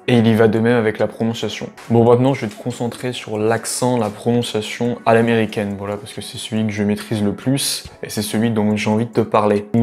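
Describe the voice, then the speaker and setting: This language tutor is a late-teen man whose voice is on the low side and a little mellow. His explanations are casual and rambling, full of fillers and restarts, and he uses the familiar "tu" with the listener.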